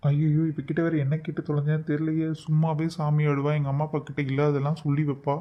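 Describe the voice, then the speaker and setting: A man's voice: fairly high pitch, completely flat delivery, quick pace, highs cut off, close to an everyday voice. A man voicing an earnest, protective young man in love in a cartoon, talking in an emphatic, coaxing way. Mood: irritated. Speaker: voice actor. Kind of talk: cartoon voice acting.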